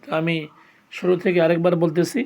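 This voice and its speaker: In a slow, step-by-step Quran pronunciation lesson, a man sounds out each Arabic letter and patiently repeats it for learners. His voice sits high and is a little mellow, level in tone and fairly quick. The recording's highs are cut off.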